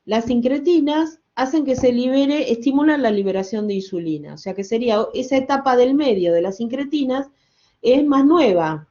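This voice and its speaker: An older woman, a university lecturer, gives a classroom lecture in a high, animated, mellow voice at normal speed, captured on a muffled recording. She explains things step by step, tossing in rhetorical questions and wry asides. She often corrects herself and checks that students follow with "¿sí?" and "¿no?".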